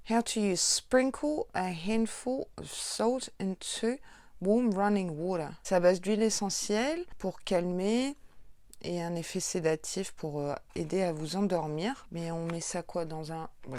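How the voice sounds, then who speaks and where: A woman's voice: fairly low pitch, measured pace, a little mellow, no echo. A woman with a French accent, chatting casually through a beauty unboxing and gushing over each item. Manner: bubbly, gushing, with many fillers. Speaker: beauty youtuber.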